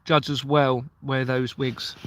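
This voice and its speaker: A former police officer from Kent in southeast England hosts a casual livestream, reading viewer comments and rambling earnestly, sometimes losing his train of thought. His voice is medium-pitched and fairly bright, with a flat, slow delivery.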